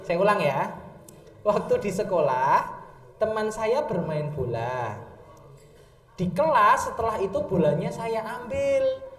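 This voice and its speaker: A young man preaches to young people in a joking, animated way. His pitch leaps up and down. He sounds distant from the mic, in a roomy hall with a long echo. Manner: joking, animated, slips into voices. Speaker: youth preacher. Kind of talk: humorous motivational sermon.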